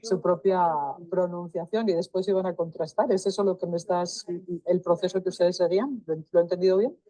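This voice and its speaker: A woman with a low, mellow voice conducts a research interview. She speaks in a measured way, rephrasing each question at length. The sound is dry and close. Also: fairly even intonation, dry recording, poor audio.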